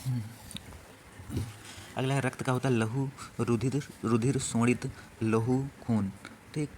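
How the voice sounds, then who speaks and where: A man teaching exam vocabulary in an even, steady voice. He repeats each word and keeps asking questions that he answers himself. Faint noise sits under the recording. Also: medium pitch, takes it slowly. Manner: repeats words, quizzes listeners, answers own questions. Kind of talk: exam-prep Hindi vocabulary lesson.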